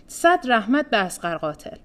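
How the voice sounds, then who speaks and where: A woman reading the part of an upset, self-pitying middle-aged man who shouts his complaints. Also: a little high, sing-song. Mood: aggrieved. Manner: whiny shouting.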